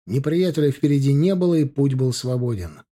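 A male audiobook narrator reads a historical war story. His delivery is steady and measured. The voice sits mid-range with a dark, mellow tone. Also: mid-range voice. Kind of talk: scripted narration.

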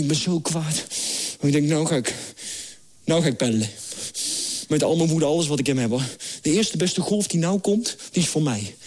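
A man telling a comic story on stage, acting out the characters as he goes. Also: sits high. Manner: animated, acts out characters in English and Dutch. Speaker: comedian. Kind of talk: stand-up storytelling.

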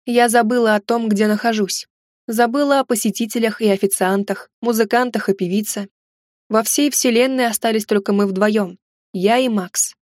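A young woman giving an expressive, dramatic first-person reading of a romance novel. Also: fairly high pitch, no echo, studio quality. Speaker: audiobook narrator. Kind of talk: scripted narration of a romance novel.

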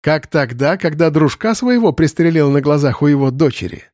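A man's voice: on the high side, animated, moderate pace, a little mellow, no echo, clean studio sound, natural voice. A man voicing a mocking, shapeshifting bird spirit that has taken over a boy's body, in an audiobook. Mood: taunting. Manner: sneering, taunting. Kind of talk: audiobook character voice.

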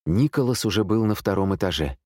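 A man narrating an audiobook thriller in a steady, suspenseful reading. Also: on the low side, brisk, no echo, clean studio sound. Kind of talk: scripted narration.

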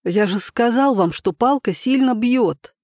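A man's voice: extremely high pitch, measured pace, darkish tone, dry recording, studio quality, pitched above the performer's own voice. A man reading an audiobook voices an earnest, thoughtful young man who explains things carefully. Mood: shaken.

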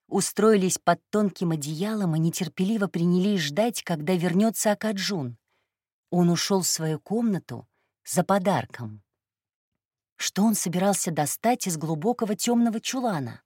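A woman reading a first-person story aloud in a calm, even narration. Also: mid-range voice, dry recording, clean studio sound. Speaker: audiobook narrator.

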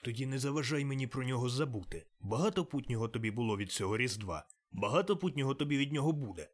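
Man reading gruff old miser, curt and grumbling, audiobook. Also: mid-range voice, animated, fast talker, close to an everyday voice. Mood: scornful grumbling.

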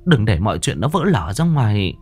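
A man's voice: lowish voice, big pitch swings, normal speed, darkish tone, breathy edge, faint music behind, pitched above the performer's own voice. A man voicing a panicky, scheming old mother, stammering and pleading.

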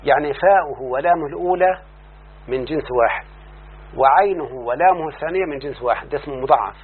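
A man's voice: fairly high pitch, slightly rough. A man with an Egyptian accent teaching Arabic morphology, often asking his student if he follows and stretching out word forms as he says them. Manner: repeats word forms slowly and drawn out. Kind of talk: explaining a classical text to a student. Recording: tinny phone-like line with faint hum.

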